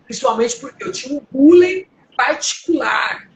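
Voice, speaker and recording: Deep-voiced woman preaching. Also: lively intonation, moderate pace, gravelly. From Brazil. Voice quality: deep, strong, powerful voice. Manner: earnest, emotional, exhorting listeners. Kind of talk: testimony and preaching. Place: at home. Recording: echoey room, faint background hum.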